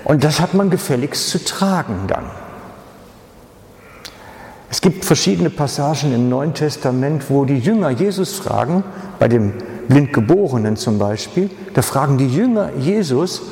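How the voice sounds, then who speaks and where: A man's voice: mid-range voice, expressive, a little slow, a little mellow. A male pastor, preaching a sermon with dramatic storytelling. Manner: dramatic storytelling, acting out voices. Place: church hall. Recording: echoey reverberant church hall.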